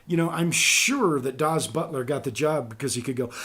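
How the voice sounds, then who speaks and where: A man's voice: medium pitch, very noisy. A man hosting a casual talk show, telling voice-acting stories and acting out the quotes. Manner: animated storyteller, acts out quotes. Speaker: podcast host and voice actor. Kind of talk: casual chat.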